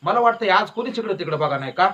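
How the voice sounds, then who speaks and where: High, bright-voiced man preaching emphatically. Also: expressive, fast talker, lo-fi sound, slight background noise. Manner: emphatic and repetitive, with folksy storytelling. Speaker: devotional preacher. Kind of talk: devotional sermon.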